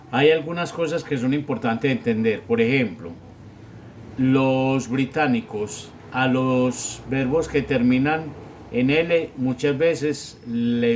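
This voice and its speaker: A man giving a grammar lesson as a teacher, explaining step by step and often checking with a quick question. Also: mid-range voice, a little hiss or hum. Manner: slow, patient, checks with "¿sí?". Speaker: English teacher.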